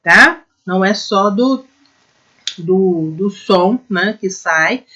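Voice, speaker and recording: A woman teacher with a Brazilian Portuguese accent, giving a recorded class to young pupils, patient and step by step, sounding out syllables slowly. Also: mid-range voice, sharp tone, dull audio. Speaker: primary school teacher.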